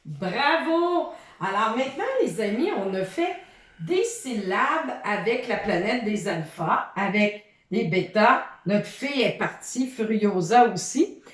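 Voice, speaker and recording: Woman presenting a kids' reading lesson; high, bouncy voice, unhurried, in an echoey room. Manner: sing-song, sounding out letters and syllables slowly. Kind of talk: reading lesson addressed to a child.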